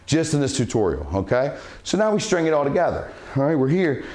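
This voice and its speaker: A man's voice: fairly high pitch, big pitch swings, fairly quick. A man coaching a martial arts cardio workout, a little out of breath as he demonstrates the kicks. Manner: breathes sharp huss sounds on strikes while demonstrating. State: slightly out of breath from exercising. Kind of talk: instructional workout talk.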